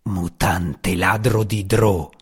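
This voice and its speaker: A man reading an audiobook, voicing a brutal male bounty hunter who growls his lines slowly and menacingly. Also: on the low side, gravelly, husky, full character voice. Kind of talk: audiobook character voice.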